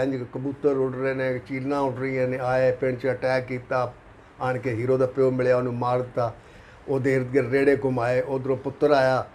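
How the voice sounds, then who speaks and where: A man putting on a gruff Punjabi film director. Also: medium pitch, darkish tone, a little hiss or hum, natural voice.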